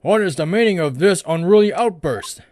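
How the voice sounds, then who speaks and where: A man's voice: fairly high pitch, animated, moderate pace, darkish tone. A man voicing a very old, stern judge in a video game, formal and commanding. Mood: indignant, commanding. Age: very old man, as played. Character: stern old male judge presiding over court.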